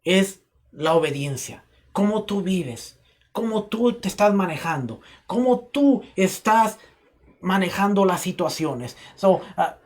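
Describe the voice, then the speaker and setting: Pastor, male, high voice, emphatic sermon delivery with repetition. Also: lively intonation, slow. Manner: emphatic, repeats phrases for stress.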